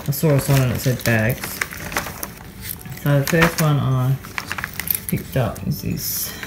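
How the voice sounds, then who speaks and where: Sitting in a car at night, this Australian vlogger records on her phone and chats loosely about what she bought, peppering her talk with ums and yeahs. Her voice is low, and there's background noise.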